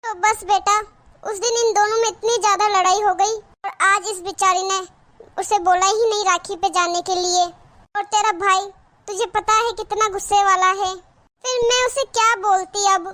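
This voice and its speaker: A woman doing a gentle cartoon mother. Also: extremely high pitch, fairly even intonation, normal speed. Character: caring middle-aged mother, soothing and worried. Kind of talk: cartoon voice acting.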